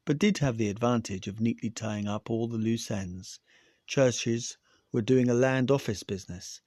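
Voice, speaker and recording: A male podcast host reading a science fiction story aloud in a steady, even manner. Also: medium pitch, no echo, clean studio sound.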